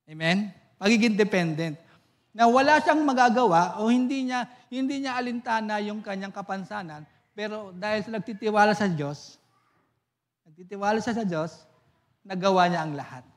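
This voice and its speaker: A man's voice: high-pitched, normal speed. A male pastor preaching a sermon at a church service, telling stories with a laugh and asking the congregation for amens. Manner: lively storytelling, laughs often, asks the congregation for amens.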